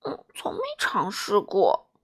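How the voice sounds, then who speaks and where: A woman's voice: slow pace, lightly acted. A woman voicing a sad male king who sobs as he talks, in a children's story. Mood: tearful. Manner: sobbing, whiny.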